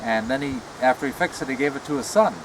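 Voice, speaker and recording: Middle-aged man, speech from the corner of the mouth, casual rambling chat, halting, noisy outdoor recording. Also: medium pitch. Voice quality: talks out of one side of the mouth. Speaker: retired comic book artist showing a car. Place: outdoors beside a parked car.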